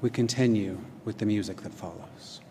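Calm guy doing guided meditation, lowish voice, slow gentle instructions, big echoey reverb and a bit of hiss. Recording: long hall reverb, noisy ambience.

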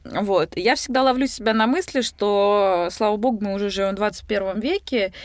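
Lively young woman in her twenties. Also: medium pitch, brisk, no room sound. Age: 20s. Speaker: podcast co-host. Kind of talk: casual podcast conversation.

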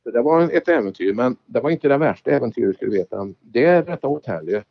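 Gravelly man telling rally stories. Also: medium pitch. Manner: animated anecdotes, acts out quoted exchanges. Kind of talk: casual storytelling. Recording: dull lo-fi recording.

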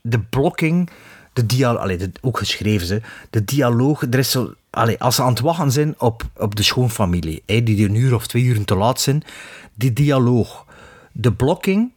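A man's voice: medium pitch, lively intonation, normal speed, husky, no room sound. Man, Flemish accent, podcast co-host, critical and emphatic, restarts often, dry close sound. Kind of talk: casual film discussion.

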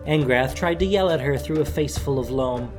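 A narrator reading a fantasy story in an animated, expressive way. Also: medium pitch, normal speed. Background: background music.

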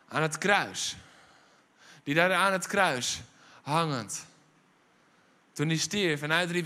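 Bright-voiced Dutch pastor preaching with urgency. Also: male voice. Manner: emphatic preaching with repeated refrains; swings from low intensity to raised, urgent delivery. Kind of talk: sermon. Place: church service.

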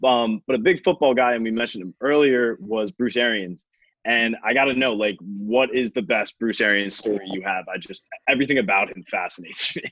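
A man with a husky, slightly raspy voice hosts a relaxed interview. He sounds eager and laughs easily, and the recording is dull and lo-fi with a dry, close sound. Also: on the low side, brisk, no room sound. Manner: enthusiastic, laughs often. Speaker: podcast host. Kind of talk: casual interview.

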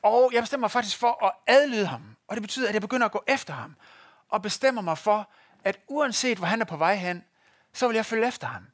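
Before a church congregation, a man gives a sermon that includes a live demonstration, sharing stories and speaking right to his listeners. The high, expressive voice comes through clean, like studio audio without room sound.

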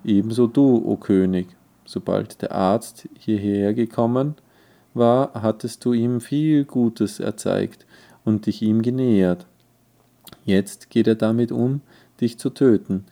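A scheming court vizier in a storybook reading, voiced by a man, whispering poison into the king's ear with insinuating persuasion. The voice is low and very dark, unhurried. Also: creaky. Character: scheming male vizier, cunning royal adviser.

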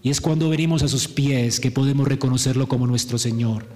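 A man preaching a sermon, emphatic, asking rhetorical questions and pausing for effect. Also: medium pitch, mellow, big-room sound.

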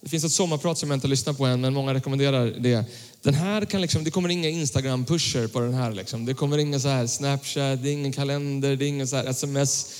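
A young male pastor preaching a casual sermon, reading scripture and talking in a relaxed, slangy way to his congregation. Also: medium pitch, hardly any pauses. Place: church hall. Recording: church hall with long reverb.

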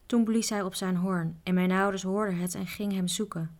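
A woman voicing a curious, eager young mountain boy, at times talking in an excited whisper in a storybook reading. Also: medium pitch, a little fast, close to an everyday voice.

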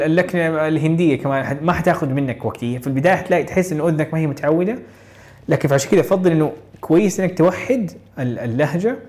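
A man's voice: fairly high pitch, darkish tone. A man hosting a live audio question-and-answer session, giving casual advice in a chatty, encouraging way. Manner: rapid, chatty, with frequent restarts and encouraging asides. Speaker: host of a live audio Q&A for exam learners.

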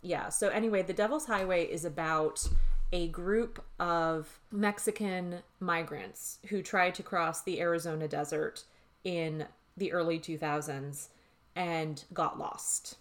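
A woman's voice: on the low side, steady tone, unhurried. A woman in her thirties co-hosting a podcast, talking casually and candidly, laughing often and swearing freely. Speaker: podcast co-host. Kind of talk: casual chat.

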